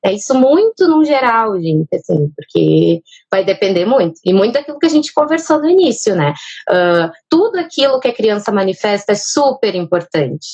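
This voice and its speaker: A woman's voice: mid-range voice, sing-song, moderate pace, darkish tone, slightly rough. A woman explaining child speech development on a live stream, with a manner full of fillers. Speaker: speech therapist guest.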